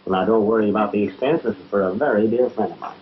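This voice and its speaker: A man's voice: fairly low pitch, fast, natural voice. Man playing a glib showman in a noisy old talkie. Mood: flirtatious, smooth. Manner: grandiose showman patter, smooth-talking. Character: glib, flirtatious traveling medicine-show pitchman. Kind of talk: 1930 early talkie film acting. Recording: noisy, dull 1930 film soundtrack.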